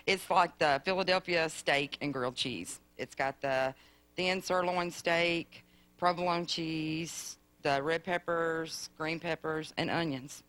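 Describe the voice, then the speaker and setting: A woman's voice: low-pitched, fairly bright tone. A woman, a guest explaining a recipe in a plain, matter-of-fact way. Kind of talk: casual chat.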